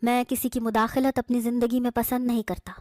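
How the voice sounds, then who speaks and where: A woman voicing an angry, reclusive young man who is secretly a jinn, speaking harshly, scornfully and slowly. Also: fairly high pitch, flat delivery, mellow, dry recording, studio quality, lightly acted. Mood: stern. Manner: harsh, scornful and slow-spoken.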